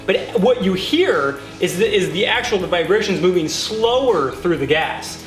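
Man, voice deepened by inhaled gas, science host, excited explaining, echoey room. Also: moderate pace, soft background music. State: voice made very deep by inhaling a dense gas. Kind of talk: enthusiastic science demonstration.

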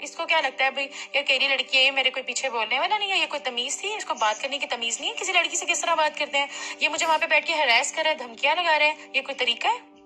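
A woman's voice: sits high, quick pace, pushed and bright, soft background music. A young woman, arguing indignantly and insistently on a recorded phone call. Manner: indignant, insistent, repeats herself. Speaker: complaining client on a phone call. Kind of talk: heated phone argument.

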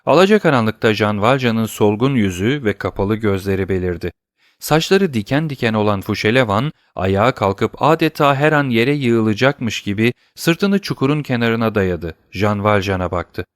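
A man reading a classic novel aloud as an audiobook narrator, in a steady, measured way. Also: on the low side, dry recording, clean studio sound.

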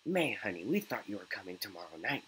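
A man doing a deep, manly small-town dad. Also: very animated, fast, a bit bright, a little hiss or hum, low-quality recording. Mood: fond. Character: gruff middle-aged small-town dad.

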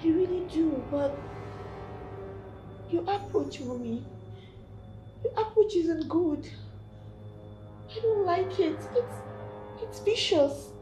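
A woman's voice: extremely high pitch, lively intonation, takes it slowly, pauses often, echoey room, over music, exaggerated voice, rough recording. An actress with a Nigerian accent playing an earnest young daughter pleading with her mother.

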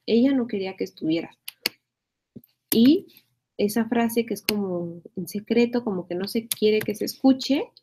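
A woman's voice: medium pitch, dark tone. A woman teaching a spelling lesson, explaining patiently, repeating phrases and checking in with her students.

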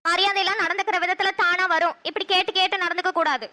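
A woman voicing a sharp-tongued but loving village mother with a Kanyakumari Tamil accent, who talks briskly and snaps back quickly. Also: very high-pitched, steady tone, dry recording. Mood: scolding. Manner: brisk, chatty, quick retorts.

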